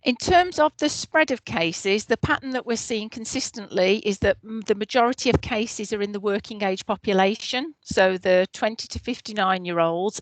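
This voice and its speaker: A woman's voice: mid-range voice, no echo, low-quality recording. Woman explaining statistics on a video call. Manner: clear, explanatory, steady. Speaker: public health officer. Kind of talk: presenting health data at a community meeting. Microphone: computer mic on a video call.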